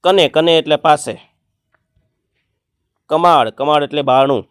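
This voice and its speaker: A man, teaching an exam-prep grammar lesson and explaining word meanings one by one, sometimes chanting a verse slowly. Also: fairly high pitch, clean tone, dry recording, clean studio sound.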